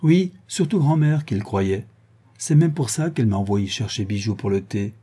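A man voicing an eager little boy who chatters with excitement in a read-aloud novel. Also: on the low side, normal speed, husky.

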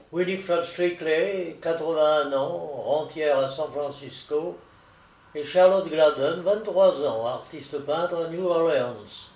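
A man voicing a discreet, deferential stockbroker in a storybook reading, speaking in a measured, confiding way. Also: on the high side, a little mellow. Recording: roomy echo, distant mic.

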